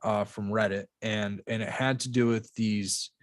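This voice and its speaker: Midwestern man with a low voice on a dry podcast mic. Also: steady tone, measured pace, no echo. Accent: Midwestern American. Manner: rambling, with many restarts and fillers. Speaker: podcast host. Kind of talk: casual podcast chat.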